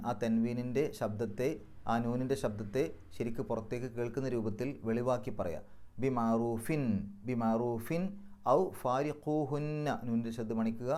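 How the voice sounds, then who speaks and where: A man teaching Quran recitation rules in a methodical lesson, slowing down to recite and stretch example phrases. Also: mid-range voice, a little mellow. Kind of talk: tajweed lesson.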